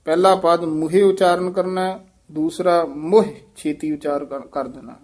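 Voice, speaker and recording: Man, recitation teacher, slow deliberate speech, slightly high voice, stresses each word. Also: steady tone, a little mellow. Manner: patient, repeats and stresses words slowly. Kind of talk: correcting pronunciation in a recitation lesson.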